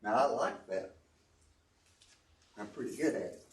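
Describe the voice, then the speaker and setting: A man's voice: mid-range voice, animated, a little slow. An older man, a retired entrepreneur, giving an earnest, folksy talk to students and repeating phrases for emphasis. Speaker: guest speaker, entrepreneur. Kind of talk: informal talk to a student audience. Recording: roomy echo, distant mic.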